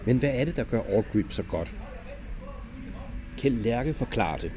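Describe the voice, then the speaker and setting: A man's voice: medium pitch, animated. A man narrating a report in a scripted voice-over style. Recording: loud noise behind.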